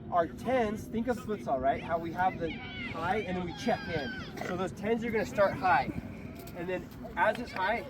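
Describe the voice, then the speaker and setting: A man with a slightly high voice gives an instructive halftime pep talk as a soccer coach. He keeps checking that players follow with little tag questions. Clear outdoor traffic noise runs behind him. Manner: instructive, often checks understanding with "okay?" and "right?". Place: outdoors at a sports field.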